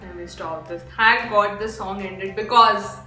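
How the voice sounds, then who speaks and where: A woman's voice: mid-range voice, fairly even intonation, measured pace, pushed and bright, faint music behind. A young Indian woman with an Indian accent hosting a reaction video, gushing and exclaiming a lot as she comments. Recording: echoey room.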